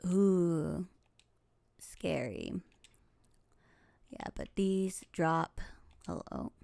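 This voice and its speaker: Talking extremely slowly in a lowish, gravelly voice, a woman in her forties gives casual commentary over a game she's streaming. She's from Los Angeles, United States, speaks Tagalog as her first language, and rambles chattily with fillers, soft laughs and murmured asides to herself, with no room sound.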